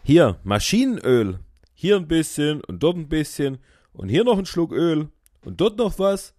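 A man's voice: on the high side, big pitch swings, a little slow, darkish tone, dry recording, clean studio sound. A man voicing a kindly, cheerful professor in a children's puppet play, friendly and questioning.

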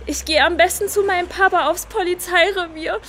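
A woman's voice: extremely high pitch, fairly even intonation, a little fast, fairly bright tone, slight background noise. A woman voicing a cheerful little girl in a children's audio play, chatting directly to the kids. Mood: alarmed. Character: cheerful little girl, policeman's proud daughter.

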